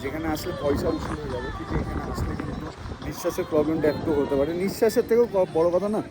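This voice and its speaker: A man with a Bengali accent vlogging from a snowy mountain pass. He talks slowly and is short of breath from the altitude, with a dry throat, breaking into excited exclamations. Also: a little high, over a noisy crowd. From Bengal, India. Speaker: travel vlogger. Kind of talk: casual vlog walk-and-talk. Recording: wind noise on the mic outdoors.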